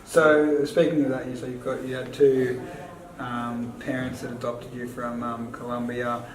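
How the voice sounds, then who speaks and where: A man interviewing a friend, asking laid-back, halting questions and laughing often. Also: mid-range voice, level tone. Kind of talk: casual chat. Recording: echoey room with crowd noise.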